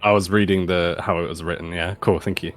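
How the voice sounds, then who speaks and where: A man's voice: low-pitched, fairly even intonation, a little fast, a bit bright, faint music behind. A man playing a tabletop role-playing game, casually talking through his moves.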